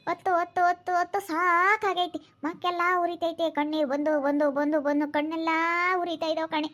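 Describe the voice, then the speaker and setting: A woman's voice: very high voice, level tone, fairly quick, fairly bright tone. A woman playing a grieving village woman betrayed by her brother. She speaks with a rural central Karnataka accent, sighing and repeating her words. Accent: rural central Karnataka Kannada. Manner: lamenting, sighing, repetitive speech. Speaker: actor in a village family drama. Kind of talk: rural domestic drama acting.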